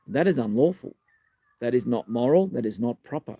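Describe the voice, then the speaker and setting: A man's voice: medium pitch, lively intonation, moderate pace, mellow, breathy edge, no room sound. Blunt Australian man, missing front tooth, dry sound. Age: 50s. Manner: blunt, emphatic, sweary, punchy short phrases. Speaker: live-stream host and community advocate. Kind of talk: live political talk, answering viewer questions.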